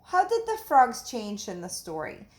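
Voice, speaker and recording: A woman of medium pitch reads a story for children the way a teacher would, expressively and with care, adding explanations throughout.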